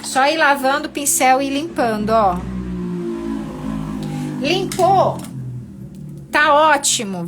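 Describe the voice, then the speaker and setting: A middle-aged woman leads a live painting lesson from her home studio. She speaks unhurriedly in a high voice, patient and encouraging, guiding students one small step at a time. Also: fairly bright tone. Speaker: painting teacher.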